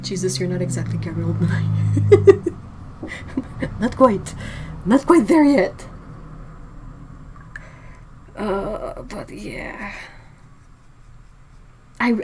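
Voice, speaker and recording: Woman, livestream host, casual chat, mid-pitched voice, talkative, laughs easily. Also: warm tone, a little hiss or hum, poor audio. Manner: chatty, laughs often, reacts to chat messages.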